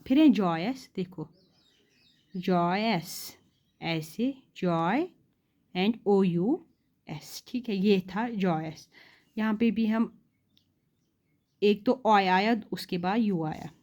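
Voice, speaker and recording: A woman teaching shorthand in a classroom-style lesson, asking rhetorical questions and repeating words slowly. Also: medium pitch, a little mellow. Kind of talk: classroom lesson explaining rules.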